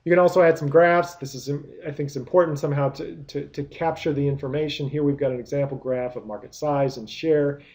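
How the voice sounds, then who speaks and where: A man's voice: fairly high pitch, steady tone, fairly quick, hardly any pauses, a little mellow. A man giving a recorded business lecture, explaining step by step with many rhetorical questions and frequent restarts. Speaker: product management lecturer.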